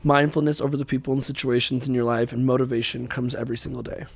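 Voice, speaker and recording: A drag queen guest on a podcast with a gravelly, smoky voice, talking in a playful, self-mocking way. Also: mid-range voice, flat delivery, fast talker. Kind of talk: casual podcast interview.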